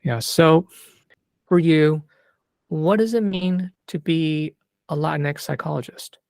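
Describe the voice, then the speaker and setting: A man's voice: on the high side, takes it slowly, gravelly, darkish tone, no echo, clean studio sound. A man hosting a podcast interview, chatting conversationally and agreeing with his guest. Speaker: podcast host.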